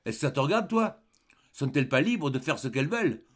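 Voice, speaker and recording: Male reader doing a shrill, defiant young mistress, storybook reading, voice pushed up high and snapping back fast. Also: big pitch swings. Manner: rapid, shrill, sneering retorts. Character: sharp-tongued young woman, quick and defiant.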